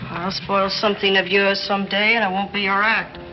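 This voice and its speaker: An actress playing a sulky, theatrically doleful young heiress in 1930s screwball comedy banter. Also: female voice, medium pitch, little pitch movement, fairly quick, dull audio, close to an everyday voice. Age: young adult. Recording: band-limited 1930s film soundtrack with music.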